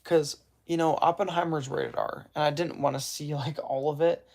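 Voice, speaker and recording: A man chatting casually on a livestream, his slightly raised voice carrying a gravelly edge. He wanders from point to point, corrects himself often and answers comments from his live chat. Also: a little high, steady tone, moderate pace, a little mellow. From United States. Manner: rambling, self-correcting, reacts to live chat. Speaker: livestream host.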